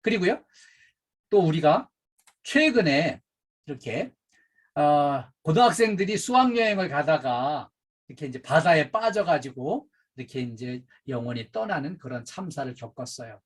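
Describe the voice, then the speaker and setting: A middle-aged man lectures at a staff training session in a lively, swooping voice that rises and falls with emphasis. His tone is somewhat husky, a little higher than most men's, and he leans on fillers as he explains. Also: moderate pace. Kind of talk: safety and customer service training lecture.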